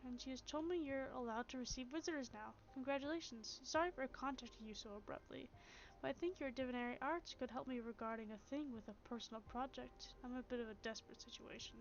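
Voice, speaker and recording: Soft shy spider witch, as a woman puts her on. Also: sits high, fast. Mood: nervous. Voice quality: soft, hesitant. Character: shy nervous young female spider witch. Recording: dull lo-fi stream audio with game music.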